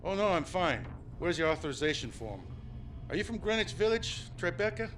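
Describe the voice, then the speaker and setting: A prying, high-voiced clerk. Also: male voice, sing-song, fairly quick, a bit bright, slight background noise. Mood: suspicious. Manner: inquisitive, probing questions. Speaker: game character. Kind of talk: video game voice acting.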